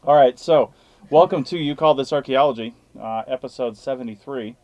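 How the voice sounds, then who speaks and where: A man's voice: medium pitch, normal speed, a little mellow, no echo. A man hosting a casual live podcast, chatting in a blunt, matter-of-fact way over hissy, static-laden audio. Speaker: podcast host.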